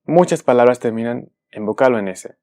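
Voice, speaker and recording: A man, a native speaker, giving a careful explanatory video lesson, often pausing to rephrase himself. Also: medium pitch, lively intonation, mellow. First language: Spanish. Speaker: language teacher.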